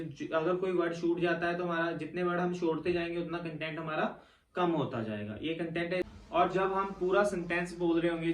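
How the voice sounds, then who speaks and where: A man's voice: high voice, far from the mic. A man teaching a test prep lesson, explaining step by step and checking in with his listeners as he goes. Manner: explains step by step, repeats "theek hai" to check in. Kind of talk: classroom-style lesson. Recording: echoey room, mic set back.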